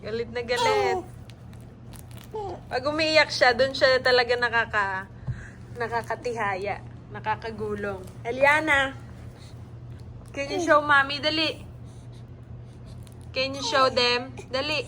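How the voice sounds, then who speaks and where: A young mother from the Philippines coos and coaxes her baby in a sing-song voice. Her voice sits high and bright, and she takes her time, drawing her words out slowly. A faint hum of room noise sits behind her. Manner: cooing, sing-song, coaxing. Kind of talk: casual baby talk, mixing Tagalog and English.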